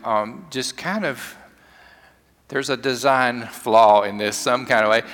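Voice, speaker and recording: A pastor leading a communion liturgy in a measured cadence, his voice echoing through a large worship hall like a cathedral. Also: mid-range voice, sharp tone. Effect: cathedral-like echo. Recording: long reverberant hall echo.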